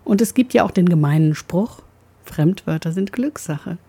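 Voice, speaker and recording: A woman's voice: on the low side, lively intonation, normal speed, dark tone, slightly rough. A woman giving a precise talk on pronunciation, who says the sounds aloud as she explains them.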